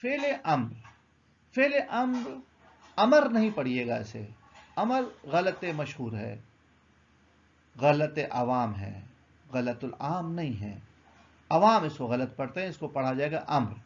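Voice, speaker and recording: Gravelly man teaching a grammar lesson. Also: a little high, animated, pauses often, highs cut off. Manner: explains patiently, asks and answers his own questions.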